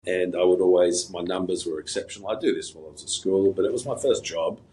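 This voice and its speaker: A middle-aged man with a very low, deep voice, talking through his career as an interview guest. He rambles in an easygoing, anecdotal way, full of little restarts and fillers. A faint hiss sits under the recording. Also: steady tone, quick pace, mellow, rough recording. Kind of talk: casual interview storytelling.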